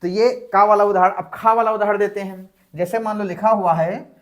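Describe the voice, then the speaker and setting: A man teaching a Sanskrit grammar lesson, asking and answering his own questions and slowing down to spell out examples. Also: high voice, steady tone. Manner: slows to spell out examples syllable by syllable.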